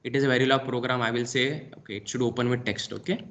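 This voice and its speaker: A man with an Indian English accent, a lecturer walking through a software lab demonstration step by step and saying "okay" often. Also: mid-range voice, fairly even intonation, fast talker, muffled recording. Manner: talks through each click step by step, frequent "okay". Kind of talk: screen-recorded software lab demo.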